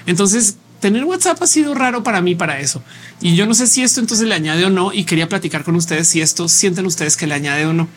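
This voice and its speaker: A man's voice: high-pitched, animated, fast, slight background noise. A man with a Mexican Spanish accent hosting a casual live show, thinking aloud in a conversational way and reading viewer comments.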